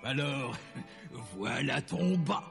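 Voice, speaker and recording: A man playing a jolly old Father Christmas in a storybook audio drama, deep and gravelly, slow and teasing. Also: fairly bright tone, faint music behind, heavily acted. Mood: jovial. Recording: long hall reverb.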